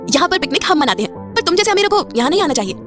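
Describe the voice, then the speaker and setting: A woman voicing a spirited, quick-tempered young woman heroine in a spoken audio story, in a high, lively voice. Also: over music. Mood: indignant.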